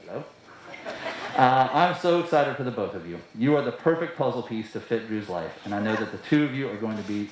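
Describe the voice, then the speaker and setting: A man giving an informal, rambling best man speech at a wedding reception, telling anecdotes in a conversational way. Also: medium pitch. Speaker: wedding toast speaker from the groom's family. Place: large reverberant room at a wedding reception. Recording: very echoey hall, faint noise.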